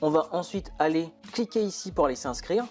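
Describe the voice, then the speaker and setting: A man's voice: a little high, lively intonation, fairly quick, a little mellow. A young man talking the viewer through a screen-recorded online tutorial, chatty and informal. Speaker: online money-making tutorial host. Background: faint background music.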